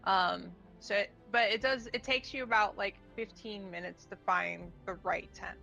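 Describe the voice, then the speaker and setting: A woman's voice: medium pitch, steady tone, normal speed, vocal fry, pushed and bright, highs cut off, faint music behind. A woman narrating as game master of a tabletop game, loose and rambling, with many fillers and restarts.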